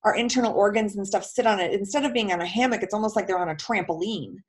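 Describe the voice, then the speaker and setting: A woman's voice: medium pitch, fast. A woman physical therapist explaining in a casual question-and-answer talk, chatty, with many filler words and homely comparisons.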